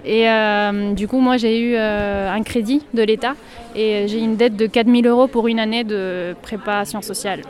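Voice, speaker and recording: A woman in her twenties from Chile, a graduate sociology student, speaking, earnest and pausing often in a street interview. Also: a little high, fairly even intonation, a little mellow. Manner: earnest, many pauses with fillers.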